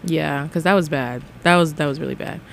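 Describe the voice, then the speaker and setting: A woman's voice: deep voice, a little fast, vocal fry. A woman giving a casual, slangy reaction to music in a conversational way. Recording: faint vehicle noise in background.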